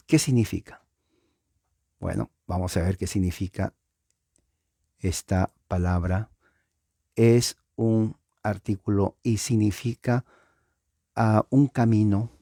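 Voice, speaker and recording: A man's voice: on the low side, mellow, no room sound, studio quality. A man teaching a Bible study, explaining word meanings and often checking that listeners understand.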